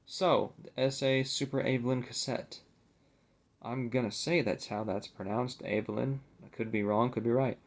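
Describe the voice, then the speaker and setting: His mid-range voice keeps a fairly even intonation at a moderate pace as this young man rambles through an unplanned vlog about a collectible. He is hesitant and self-deprecating.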